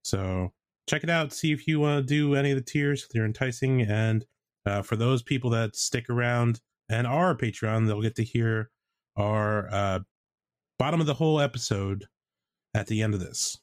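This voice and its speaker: A man with a mid-pitched voice co-hosts a podcast in a loose, conversational manner. He talks haltingly, and the recording is dry with hardly any room sound. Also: no echo. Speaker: podcast co-host. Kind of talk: casual chat. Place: indoors at home.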